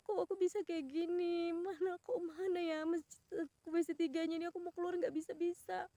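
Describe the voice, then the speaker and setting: A high-pitched woman with a warm, mellow tone tells a personal story with deep feeling. She exclaims often and breaks off to restart her sentences. Her voice is recorded dry and close. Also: little pitch movement, a little fast, no room sound. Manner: earnest, emotional retelling with exclamations and trailing restarts. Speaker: vlogger.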